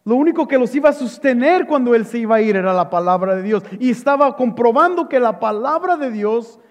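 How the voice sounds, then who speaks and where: A man preaching a sermon as a pastor, swinging between loud exclamations and hushed, low phrases. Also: expressive, fairly quick, big-room sound.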